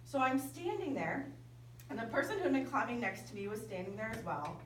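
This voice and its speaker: Woman youth camp speaker, storytelling sermon, lively up and down voice, roomy echo, faint hum behind. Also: on the high side, brisk. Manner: lively, animated storytelling with quoted dialogue. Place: large indoor hall at a winter camp. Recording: echoey hall from far off.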